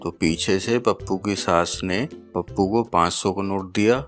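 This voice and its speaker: Male joke teller, low voice, voices each character lightly, faint music bed underneath. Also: a little slow. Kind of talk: scripted comic joke narration.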